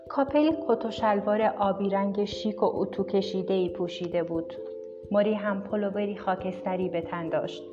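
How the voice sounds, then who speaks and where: A woman narrator reading an audiobook in a steady, even storytelling manner. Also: mid-range voice. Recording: dull recording with music behind.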